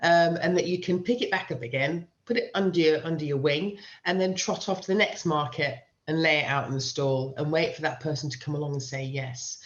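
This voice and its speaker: A middle-aged British woman who teaches writing answers interview questions, giving emphatic advice and repeating key phrases to stress them. Her voice is deep and brisk, with few pauses. The recording sounds dull and lo-fi.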